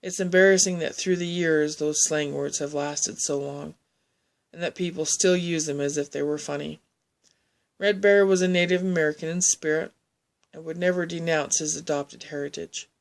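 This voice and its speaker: A woman telling a personal story in a halting, rambling way, often restarting her sentences. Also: sits low, fairly even intonation.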